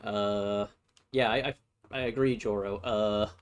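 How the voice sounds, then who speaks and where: A man's voice: on the low side, steady tone, a little slow, clear, resonant tone. A man giving casual let's-play commentary, playful and thinking aloud as he works through puzzles. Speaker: game streamer.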